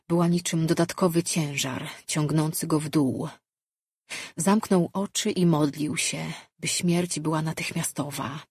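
A woman reading a fantasy audiobook as narrator, in steady, measured storytelling. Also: deep voice, slightly rough, dry recording, clean studio sound. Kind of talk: scripted narration.

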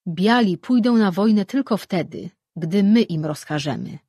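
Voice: mid-range voice, animated, measured pace, dark tone, breathy edge, no room sound, clean studio sound. An audiobook reader voicing an eager, pushy male god who keeps pressing his point with questions. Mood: assertive.

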